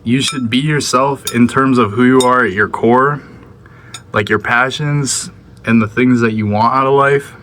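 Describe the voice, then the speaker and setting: A man's voice: medium pitch, steady tone, unhurried, a bit bright, a little hiss or hum. A young man chatting casually to the camera in a laid-back, slangy way, sometimes talking with his mouth full. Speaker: vlogger. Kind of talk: casual vlog chat.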